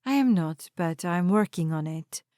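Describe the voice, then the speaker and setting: A woman's voice: lowish voice, animated, unhurried, mellow, no echo, studio quality. A woman doing a polite Serbian-accented woman.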